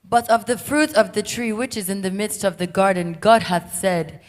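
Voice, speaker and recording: Female scripture reader, mid-pitched, plain steady delivery, distant in a reverberant hall. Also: moderate pace. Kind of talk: reading scripture aloud.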